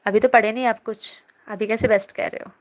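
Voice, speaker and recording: A woman's voice: a little high, fairly even intonation, brisk. A young woman teacher holding a live online class from her phone, reading students' chat comments aloud and answering them in a chatty, teasing way.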